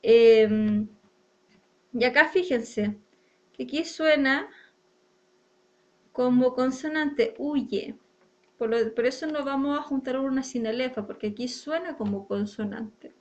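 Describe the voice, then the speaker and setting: A woman's voice: high voice, slow, long pauses, darkish tone, dull audio. A woman teacher explaining a lesson step by step, often checking in with her students. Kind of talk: online class lesson on poetic meter.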